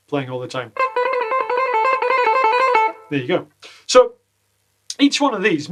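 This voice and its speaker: A man gives a relaxed guitar lesson from a small home studio, and his voice sits a touch higher than most men's. He drops deadpan jokes between the explanations. Loud guitar plays behind him. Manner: jokey, deadpan asides. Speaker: guitar teacher. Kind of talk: casual video lesson.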